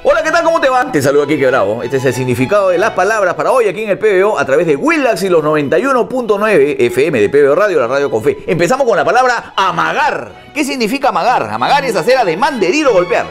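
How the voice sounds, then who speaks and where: Hombre, acento peruano, conductor de radio, voz muy expresiva, música suave de fondo. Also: male voice, high voice, big pitch swings, fast talker, hardly any pauses, faint music behind. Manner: asks himself questions, then answers them; spells words out and notes their accent marks. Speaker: radio and TV host explaining word meanings. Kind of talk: reading dictionary definitions on air.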